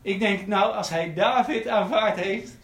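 A man's voice: high voice, measured pace, fairly bright tone, echoey room, rough recording. A man preaching a sermon, earnest and repeating his key phrases for emphasis. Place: church.

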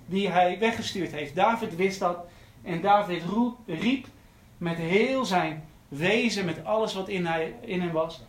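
A man delivers an earnest sermon, circling back to repeat his key phrases. His voice sits high for a man. The sound rings with the echo of a large church. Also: a little slow, hardly any pauses. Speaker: preacher.

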